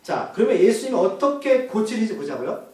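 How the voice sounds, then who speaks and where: A man's voice: high-pitched, sing-song, fairly quick, mellow. A male pastor preaching a sermon, asking the congregation questions and answering them himself. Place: church. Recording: echoey church hall from far off.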